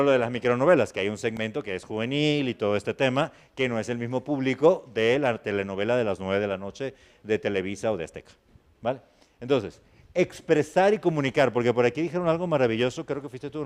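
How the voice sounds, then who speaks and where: A man's voice: medium pitch, a little fast. A man teaching a master class on acting. He lectures conversationally and keeps checking in with the students. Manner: conversational, often asks "¿sí me explico?". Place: university classroom.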